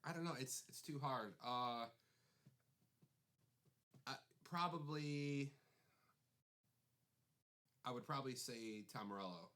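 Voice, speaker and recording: A man's voice: medium pitch, takes it slowly, pauses often, bright, forceful tone. A man co-hosting a casual podcast, speaking with blunt opinions, many hesitations and playful pushback. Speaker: podcast co-host. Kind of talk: casual chat.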